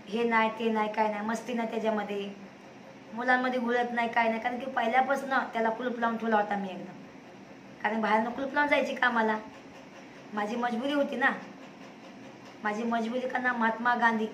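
A woman's voice: fairly high pitch, fairly bright tone. Emphatic woman in an echoey room. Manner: emphatic, repetitive, indignant. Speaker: vlogger, single mother. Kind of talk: personal storytelling to viewers. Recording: echoey room with faint noise.

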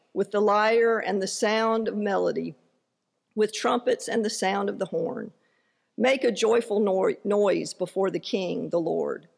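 Slow, gravelly woman preaching in church. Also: medium pitch, a little mellow. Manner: measured, earnest delivery with light self-deprecating asides. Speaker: pastor. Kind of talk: sermon with scripture reading. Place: church sanctuary. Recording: long hall reverb in a church.

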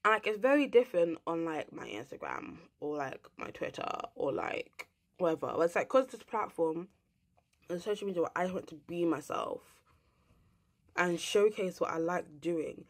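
A young woman talks straight to her camera in a loose, rambling rant. Her voice sits low for a woman, and she drifts between thoughts and swears without a filter. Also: expressive, normal speed. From England. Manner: rambling, blunt, swears freely. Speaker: vlogger. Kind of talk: casual ranting monologue.

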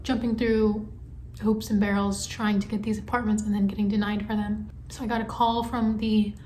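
A woman's voice: medium pitch, slight background noise. A young woman in her twenties talking candidly to her phone camera in a casual vlog, first from inside her car and later from a room. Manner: chatty, candid, slightly nervous. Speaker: vlogger. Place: inside a parked car, then an indoor room. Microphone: phone camera at arm's length.

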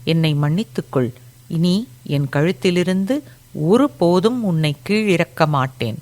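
A solemn young warrior from a storybook speaks a grave, reverent vow, as a woman reading aloud puts him on. The voice sits low and moves slowly, hushed with respect. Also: animated.

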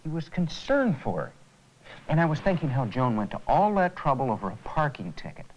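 A man's voice: on the high side, brisk, dull audio. A man in a 1980s educational film, talking earnestly and reflectively about what he has learned. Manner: earnest, reflective, lively intonation. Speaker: lead character in a training film.

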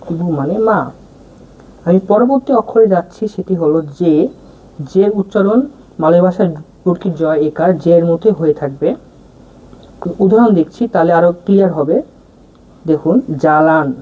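A woman teaching the alphabet at a slow, patient pace, repeating every example. Her voice sits low and sounds dark and mellow. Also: low-quality recording. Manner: patient, repeats each word and meaning. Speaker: language teacher. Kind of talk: step-by-step alphabet lesson.

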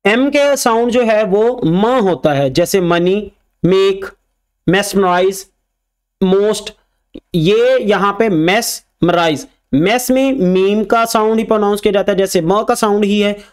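Male phonics teacher, high voice, patient and slow, repeats example words. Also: clear, resonant tone. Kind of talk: spoken English lesson.

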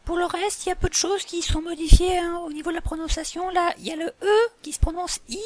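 A woman's voice: extremely high pitch, fairly even intonation, darkish tone. Woman voicing a patient animal schoolteacher. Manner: didactic, slow, full of fillers. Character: patient female animal schoolteacher, a bit muddled. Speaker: teacher. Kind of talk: toy role-play lesson.

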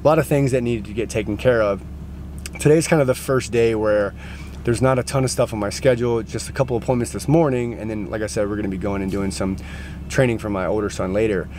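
A man's voice: on the low side, fairly even intonation, quick pace, darkish tone. An American man in his thirties chatting casually to viewers as a vlogger. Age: 30s. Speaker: vlogger and gym owner. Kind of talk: casual vlog chat. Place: outdoors on forest trail, later inside a car. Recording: clear outdoor and vehicle background noise.

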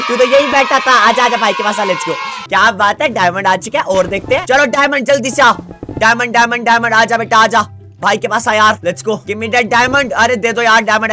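Excitable young man narrating Minecraft play. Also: very high voice. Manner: excitable, chatty, talks to the game. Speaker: gaming YouTuber. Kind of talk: Minecraft let's-play commentary.

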